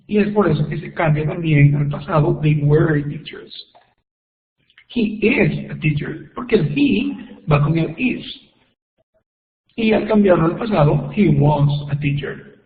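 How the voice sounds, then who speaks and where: A man teaching an online English grammar lesson, explaining slowly and patiently with repeated examples. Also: on the high side. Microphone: computer microphone on a web call. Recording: echoey tinny web conference audio.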